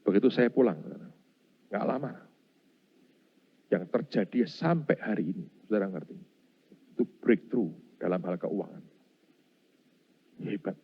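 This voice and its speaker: This middle-aged preacher has a husky, fairly low voice, speaks a little slowly, and pauses often. He acts out his story with animation, frequently calling the congregation "Saudara," and the audio sounds dull and lo-fi.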